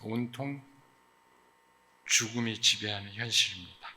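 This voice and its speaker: Bright-voiced man preaching a sermon. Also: on the low side, measured pace, slightly rough. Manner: earnest, emphatic preaching with sudden loud stresses and fillers. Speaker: pastor.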